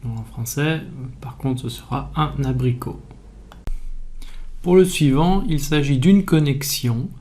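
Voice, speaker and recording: Mellow-voiced man teaching spelling. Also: medium pitch, unhurried, long pauses. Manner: calm, methodical explaining. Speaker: French language teacher. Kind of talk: explanatory video lesson.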